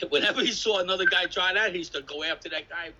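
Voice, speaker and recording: Older new guy on a video call, husky and bright, tells loose street stories and swears a lot. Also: high-pitched, quick pace, poor audio. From New York City. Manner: swearing, laughing, jumps between stories. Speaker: interviewee, graffiti artist. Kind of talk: rambling casual storytelling. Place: indoors at an artist residence.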